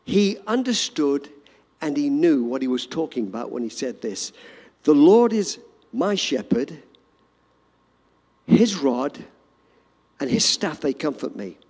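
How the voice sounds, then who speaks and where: A male pastor preaching a sermon, moving from loud urgent emphasis to hushed storytelling. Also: on the high side, very animated, takes it slowly, pauses often. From Australia. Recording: long hall reverb.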